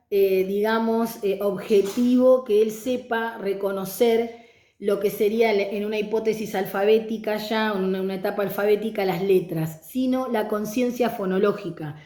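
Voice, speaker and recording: A woman's voice: medium pitch, normal speed, dark tone, roomy sound. A middle-aged woman teacher giving a conversational online lecture on reading pedagogy.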